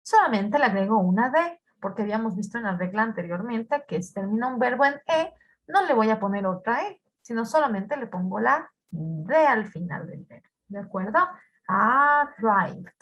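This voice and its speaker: A woman's voice: on the high side, expressive, fairly quick, muffled recording. A woman teaching an English grammar lesson, patiently repeating words and quizzing her students.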